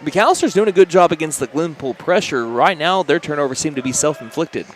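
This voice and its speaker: A man with an Oklahoma accent calling high school basketball play-by-play on the radio, quick and chatty with jokey asides. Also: lively intonation, slight background noise. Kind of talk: play-by-play commentary.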